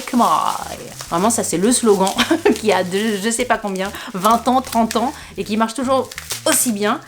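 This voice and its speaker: A woman vlogger talks her viewers through a food box in a loose, rambling way. She laughs often and her voice leaps upward whenever something catches her eye. Her pitch sits in a middle range at an ordinary pace. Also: a little hiss or hum. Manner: chatty and rambling, laughing often, voice jumping up in surprise. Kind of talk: casual unboxing chat to camera.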